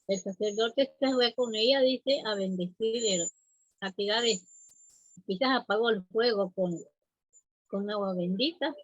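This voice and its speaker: A woman telling a traditional folk tale aloud in an unhurried, halting way, often repeating words. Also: medium pitch, fairly bright tone, no room sound, rough recording. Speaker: storyteller.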